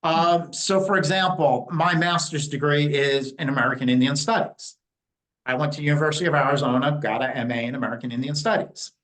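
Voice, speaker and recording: A man in his fifties from New Jersey, speaking frankly and bluntly in an interview. His voice sits a bit high for a man, and he pads his points with "um" and "you know". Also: fairly even intonation, a little fast, a bit bright, rough recording. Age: 50s. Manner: blunt and opinionated, with frequent fillers. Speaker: interview guest, Native community liaison. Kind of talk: candid conversational interview.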